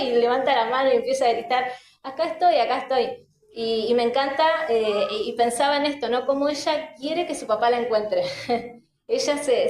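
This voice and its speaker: A young woman with an Argentine accent preaches a sermon in a church hall, her somewhat high voice ringing off the walls. She speaks earnestly and keeps checking in with her listeners as she goes. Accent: Argentine Spanish.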